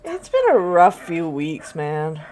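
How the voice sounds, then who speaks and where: A woman co-hosting a podcast in casual chat, sleepy and just woken up, relaxed and laughing with some casual swearing. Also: on the low side, slow pace. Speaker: podcast co-host.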